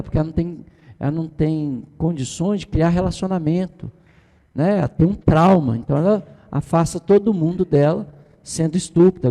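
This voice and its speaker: Middle-aged man, pastor-style teacher, somewhat high voice, mellow tone, reverberant room. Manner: conversational, tag questions, mimics the people he quotes. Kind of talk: informal church teaching.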